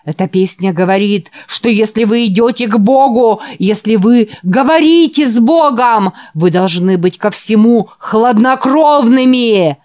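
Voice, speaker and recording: A woman reading an audiobook voices a frenzied male evangelist preacher, raised and loud, driving a call-and-response sermon. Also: on the high side, lively intonation, measured pace, few pauses, voice pushed up. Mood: fervent. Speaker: preacher at a youth revival.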